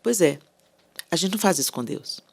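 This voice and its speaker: A woman speaking as a podcast guest, talking about faith in an animated, conversational way and often checking in with her listeners. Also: lowish voice, fairly quick, vocal fry. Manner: animated, repetitive, asks listeners "né?" and "entendeu?". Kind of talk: casual faith talk on a podcast.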